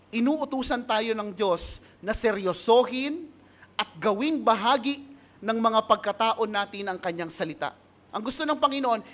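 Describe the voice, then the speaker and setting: A man's voice: high voice, fairly bright tone. A man with a Filipino accent preaching a sermon, switching between Tagalog and English, asking the congregation questions and laughing at his own stories. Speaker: pastor.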